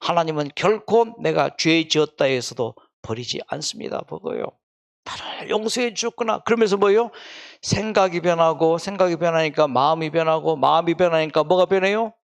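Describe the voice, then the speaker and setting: A man delivers a faith-based health lecture, moving between quiet narration and questions to the audience. His voice sits a bit high for a man and has a strong gravelly fry. He speaks like a regular speaker of the lecture series. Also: normal speed.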